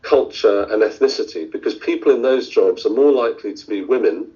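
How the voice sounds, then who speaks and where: Thoughtful low-voiced surgeon, dull audio. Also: male voice, fairly quick, dark tone. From India. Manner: thoughtful, many fillers and restarts. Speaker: surgeon guest. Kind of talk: interview answers.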